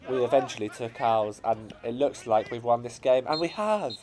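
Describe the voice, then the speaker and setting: A man with an English accent commentating on his own amateur football team's match highlights, his voice cracking as the excitement builds. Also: normal speed, over music. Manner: builds to shouting excitement at late chances.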